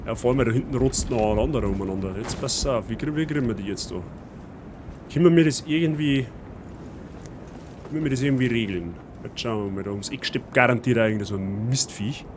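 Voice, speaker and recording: Talking a little fast in a medium-pitched voice, a man with a Bavarian accent casually chats with his viewers during a let's-play stream. The stream's audio is noisy.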